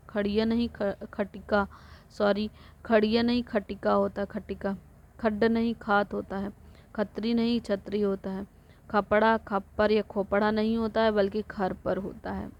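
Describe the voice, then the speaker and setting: Slow, flat-voiced woman teacher. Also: mid-range voice, lo-fi sound. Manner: slow, repetitive reading of word pairs with self-corrections. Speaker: Hindi teacher. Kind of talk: exam-prep vocabulary drill.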